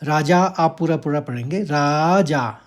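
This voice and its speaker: A man teaching how to pronounce a Sanskrit verse. He chants each line slowly and drawn out, then explains the sounds more quickly, speaking. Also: fairly high pitch.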